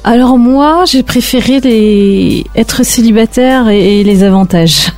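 Soft-toned woman on a radio panel. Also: on the high side, slow, faint music behind. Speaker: radio show contributor. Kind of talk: casual studio chat.

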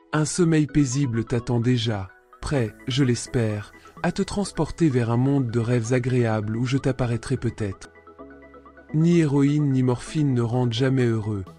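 A man narrating a scripted radio story in a soft, intimate manner, addressing the listener directly. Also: medium pitch.

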